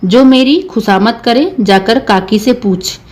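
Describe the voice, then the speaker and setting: A woman's voice: on the high side, slow pace, darkish tone. A woman voicing a stubborn, hurt village husband with a bitter, sulky manner in a read-aloud story.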